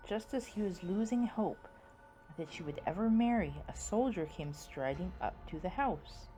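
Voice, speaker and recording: A woman narrating a scripted story dramatically, in a playful spooky manner that moves between hushed suspense and sudden swells. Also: on the low side, animated, normal speed, soft background music, poor audio.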